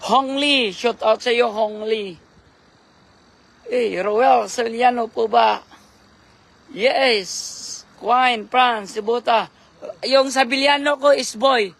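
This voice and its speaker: A hoarse man doing casual live-stream commentary on a night fishing trip, giving shout-outs and spelling names for viewers. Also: very high-pitched, slow, pauses often. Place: outdoors at night by the water.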